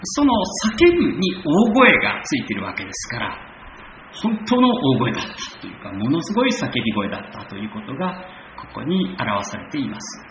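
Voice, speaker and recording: A man preaching a sermon in measured phrases that rise for emphasis. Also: medium pitch, wildly swooping pitch, reverberant, lo-fi sound, noisy background. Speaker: pastor.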